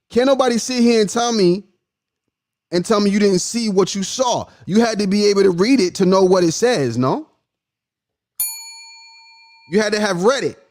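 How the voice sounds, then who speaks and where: A man hosting a casual live stream, playfully quizzing his viewers and laughing often as he talks. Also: high voice. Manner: playful, teasing, questioning the audience; laughs often, swings from loud to hushed.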